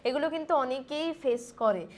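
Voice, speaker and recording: A woman's voice: high voice, moderate pace, a little hiss or hum. A woman interviewer asking questions, attentive and listening, with hesitant fillers as she phrases them.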